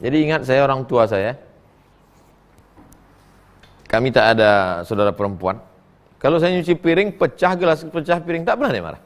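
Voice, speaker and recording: A middle-aged man preaching, reading listeners' questions and answering them in a folksy, joking way, his voice swinging between high and low as he acts out quotes. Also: animated, normal speed, pauses often. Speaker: Islamic preacher. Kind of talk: sermon answering read-out questions.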